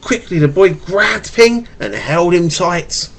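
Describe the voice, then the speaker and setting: At home, a father reads a children's picture book to his child at bedtime, stumbling and repeating words with a stutter. His high voice is expressive and gravelly, and he reads at a slow pace. It's recorded on a webcam microphone.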